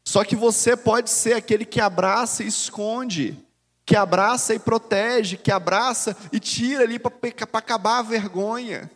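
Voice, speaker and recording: A man's voice: sits high, moderate pace, a bit bright, in a large hall. A man with a Brazilian accent preaching a sermon as a bishop, talking animatedly and conversationally and often addressing listeners as "dear". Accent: Brazilian Portuguese.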